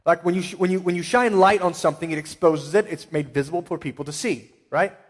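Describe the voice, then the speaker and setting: A male pastor preaching a sermon with emphatic swells and quiet asides. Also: on the high side, quick pace. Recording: long hall reverb.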